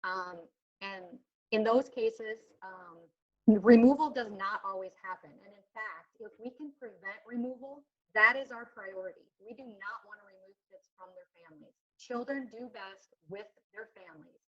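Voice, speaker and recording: A woman's fairly high voice comes through a video call, the audio dull and lo-fi. She presents in a webinar for a child welfare agency. She talks in a halting way, with frequent ums and self-corrections. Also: fairly bright tone. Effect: heard over a video call.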